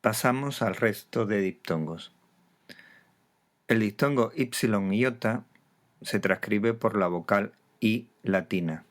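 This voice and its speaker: A man narrates a scripted lesson in a lowish voice. He moves at an unhurried pace and spells out each example word with care. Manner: slow, careful enunciation of example words. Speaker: teacher.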